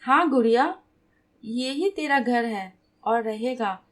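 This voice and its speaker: A woman voicing a caring older brother, calm and reassuring. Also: a little high, slow. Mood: affectionate.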